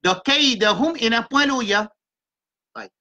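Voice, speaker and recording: A woman teaching Quran reading in a live class. She explains the letters step by step and chants verses slowly. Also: a little high, expressive, sharp tone, lo-fi sound.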